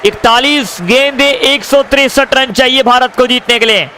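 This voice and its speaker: High-pitched excited male cricket commentator. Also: a little slow. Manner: addresses viewers as friends, repeats stock phrases. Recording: crowd and noise behind the voice.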